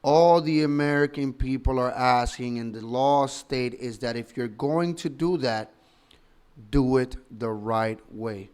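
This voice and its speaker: A man's voice: mid-range voice, a little slow, darkish tone, smooth. A man in his thirties from the Dominican Republic, a political commentator giving opinionated, emphatic and argumentative commentary full of rhetorical questions. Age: 30s.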